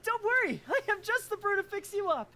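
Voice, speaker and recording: A woman's voice: extremely high pitch, sing-song, a little fast, pitched above the performer's own voice, heavily acted. A woman doing a chirpy eager healer. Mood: reassuring. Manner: bright, bubbly, overeager.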